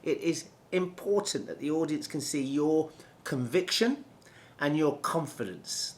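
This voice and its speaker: This is a middle-aged male trainer giving a lesson on speaking. His pitch swings widely. He demonstrates each point as he goes, drawing words out and repeating them. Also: lively intonation. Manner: demonstrative, slows down and stretches words for emphasis, repeats key words. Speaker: presentation skills trainer. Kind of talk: instructional talk to camera.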